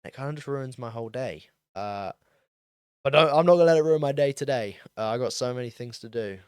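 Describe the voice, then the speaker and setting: A man's voice: mid-range voice, fairly quick, clear, resonant tone, no room sound, studio quality. A young man in his late teens hosting a solo podcast, rambling in a casual, self-deprecating way with lots of ums and likes. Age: young adult, turning twenty. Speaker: podcast host.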